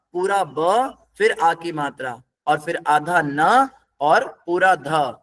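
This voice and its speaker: Man, high voice, scripture class teacher, patient step-by-step explaining, quizzes students. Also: fairly bright tone.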